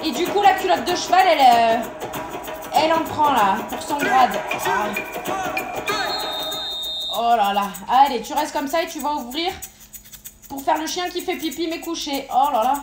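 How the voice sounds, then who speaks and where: A woman's voice: high-pitched, normal speed, pauses often. A woman leading a workout class, chatty and joking, straining and out of breath as she exercises along. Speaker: fitness instructor. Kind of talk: live workout class coaching. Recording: echoey room with loud music.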